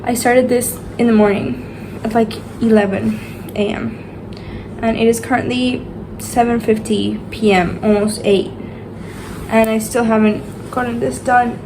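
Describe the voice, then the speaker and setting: A young Argentine woman in her twenties, a native Spanish speaker with an Argentine accent, rambles casually and tiredly in a vlog. Her voice is on the high side, steady and a little slow, with background noise and music playing behind her.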